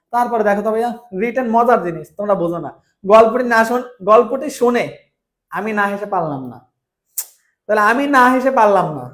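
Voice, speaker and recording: A man with a Bangladeshi Bengali accent teaching English grammar, spelling words letter by letter and often checking that his students follow. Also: high voice. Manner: calls students brother, asks if they follow. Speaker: English tutor. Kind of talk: online grammar lesson.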